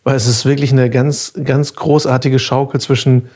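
A man in his mid-thirties hosting a podcast in a casual, conversational way, with a husky voice and a playful, self-deprecating manner. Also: mid-range voice, flat delivery, moderate pace, darkish tone. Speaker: podcast host.

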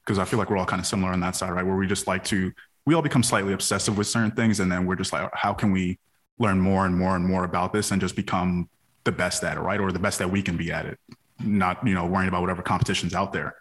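Deep-voiced quick-talking male host. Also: fairly even intonation. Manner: chatty, rambling questions. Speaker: podcast host. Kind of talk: casual podcast chat.

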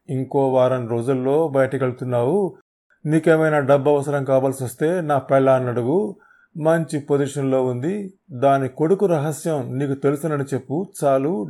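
A man's voice: medium pitch, normal speed, natural voice. A man voicing a beaten, frightened male blackmailer who speaks in crude rustic dialect. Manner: crude dialect, pleading and shouting.

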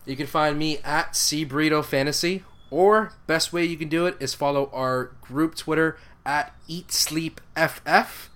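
A man's voice: a little high, measured pace, few pauses, a bit bright. Laid-back, joking male podcast co-host. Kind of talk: casual podcast chat.

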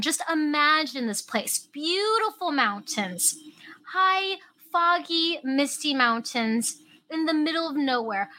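A woman's voice: high-pitched, poor audio. A woman from Hong Kong, raised in Alaska, hosting a podcast and talking casually with enthusiasm. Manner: enthusiastic, storytelling, lively emphasis. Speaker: podcast host. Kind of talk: casual solo podcast talk.

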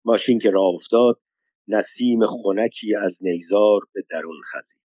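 Man reading a story, muffled mellow tone. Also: lowish voice, dry recording. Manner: measured storytelling, stops to gloss dialect words. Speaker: audiobook narrator. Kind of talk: scripted narration.

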